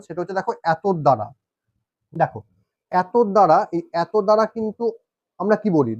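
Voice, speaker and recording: Fast, high-voiced male spelling teacher. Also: a little mellow, no echo. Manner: repeats points, asks "ঠিক আছে?" often. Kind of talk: exam-prep grammar lesson. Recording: dull, lo-fi sound.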